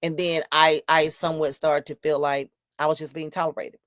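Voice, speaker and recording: A woman's voice: low voice, little pitch movement, fairly quick, fairly bright tone, no room sound, clean studio sound. A woman, hosting a solo podcast and reading out viewer comments in an emphatic, preachy, storytelling way. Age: 50s. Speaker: podcast host.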